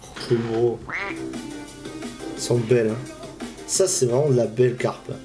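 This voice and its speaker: A man's voice: medium pitch, fairly even intonation, a little slow. A man hosting a fishing channel, giving casual, slangy reaction commentary and laughing often. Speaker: YouTube fishing channel host. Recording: music from the reacted video behind.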